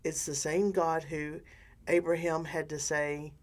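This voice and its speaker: An older woman co-hosting a casual faith discussion, animated and rambling, often restarting her sentences. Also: sits low, a little slow. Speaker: podcast co-host.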